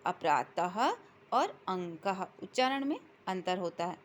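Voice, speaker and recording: A woman's voice: on the low side, lively intonation, a little hiss or hum. A woman teacher explaining a lesson to students, drawing out the example words and answering her own questions. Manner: slow and drawn out when reading letter examples, asks questions and answers them herself. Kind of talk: classroom explanation.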